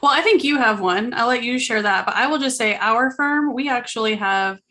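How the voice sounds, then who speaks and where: A playful woman co-hosts a live online Q&A, tossing out quick asides. Her voice sits a little high. She talks loosely and casually about her work. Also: bright, forceful tone. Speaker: co-host, accounting firm owner.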